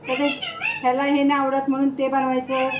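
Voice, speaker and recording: A woman's voice: monotone, fairly quick, echoey room, distant mic, background noise. A woman vlogging casually from her home kitchen while cooking, chatting to viewers and to her pets. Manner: chatty, switches to high sing-song baby talk for her pets. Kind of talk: casual home vlog narration. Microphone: phone held or propped while cooking.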